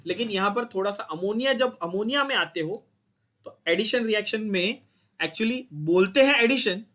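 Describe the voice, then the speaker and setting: A man's voice: high-pitched, normal speed, bright, forceful tone. A man with an Indian accent teaching chemistry to a class, explaining step by step and checking in with students often. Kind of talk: classroom lecture.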